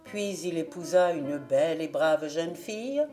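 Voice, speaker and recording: A woman narrates a storybook in a calm, measured manner. Her voice is low and mellow, and she reads at an unhurried pace. A faint guitar plays behind her. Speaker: audiobook reader.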